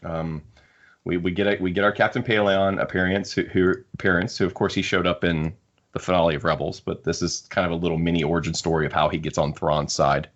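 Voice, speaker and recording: Speaking fast in a low, steady voice, a man hosts a podcast where he rambles through a casual discussion of a book, thinking out loud. The audio has a dull, lo-fi podcast quality.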